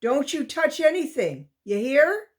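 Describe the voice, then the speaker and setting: A woman's voice: high voice, big pitch swings, measured pace, pitched above the performer's own voice. A woman voicing a determined young mountain boy in a storybook reading, urgent and commanding.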